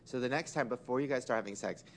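A man's voice: mid-range voice, quick pace, a little hiss or hum. A young man co-hosting a casual podcast chat, crude and playful, laughing often. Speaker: podcast co-host.

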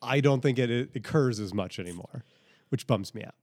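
A man in his thirties, chatting casually on a podcast, animated and rambling with many restarts. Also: mid-range voice, brisk, no echo, studio quality. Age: 30s. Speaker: podcast co-host. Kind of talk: casual chat.

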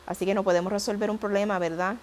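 A woman hosts a reflective audio monologue, gently explaining ideas and thinking aloud as she goes. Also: medium pitch, steady tone, very fast, slight background noise. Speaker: podcast host.

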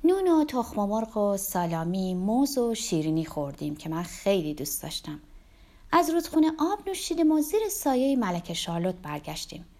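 A woman's voice: medium pitch, very animated, darkish tone. A woman narrating a story in the first person, reading expressively.

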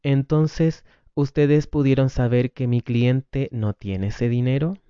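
A man's voice: mid-range voice, steady tone, slow pace, dark tone, clear, resonant tone, dry recording, natural voice. A man reading the lines of a persistent, formal lawyer who keeps pressing for a statement, on a dull lo-fi recording. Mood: insistent. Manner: formal, insistent.

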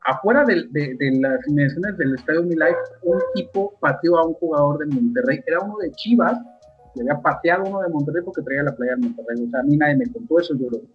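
A man's voice: on the high side, fast talker, breathy edge, narrow, tinny audio, faint music behind. A man with a Mexican accent hosts a casual sports talk show, speaking conversationally with many fillers and asides. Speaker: podcast host.

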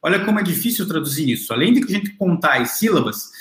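Lecturer, male, slightly high voice, chatty and explanatory, roomy echo. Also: sing-song, fast, a bit bright. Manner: explanatory, addresses the audience directly, many fillers and restarts. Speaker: literature lecturer. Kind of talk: classroom lecture.

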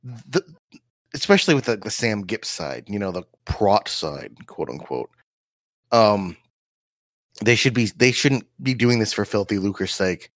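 A man's voice: fairly low pitch, animated, unhurried, a bit bright, dry recording, studio quality. A man co-hosting a podcast, ranting heatedly in casual banter and laughing often. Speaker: podcast co-host.

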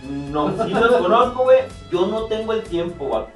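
This young man from Mexico is a podcast co-host trading casual banter, his high voice very animated at a moderate pace. His slang-laden stories wander and restart repeatedly, captured from afar in an echoey room with background music.

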